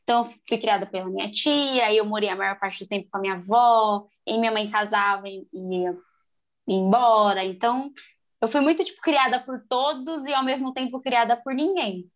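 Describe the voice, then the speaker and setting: A woman in her twenties from Brazil talks candidly in a relaxed conversation. Her voice sits a little high. She is animated and slips into quoted dialogue with lively shifts of tone. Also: moderate pace. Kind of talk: casual chat.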